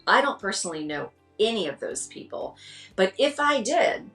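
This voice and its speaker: A woman's voice: normal speed, soft background music. Middle-aged woman telling stories, roomy echo. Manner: animated, acts out quotes with rising pitch. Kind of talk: candid interview storytelling.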